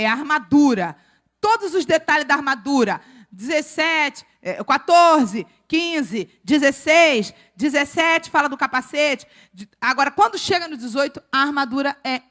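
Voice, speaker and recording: Animated woman preaching a lively sermon. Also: a little high. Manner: animated, playful, acts out quotes and accents.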